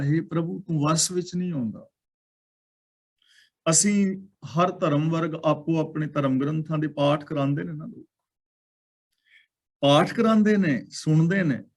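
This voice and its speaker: A man explaining scripture. He recites each verse line slowly and drawn out, then explains it word by word. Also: on the high side. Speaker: scripture teacher.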